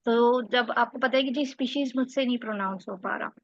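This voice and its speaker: A woman tutor with a slightly high voice coaches a single student, correcting his reading and explaining step by step. The sound is dry and a little dull. It has the steady pace of an online lesson. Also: a little fast, no echo. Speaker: English exam tutor.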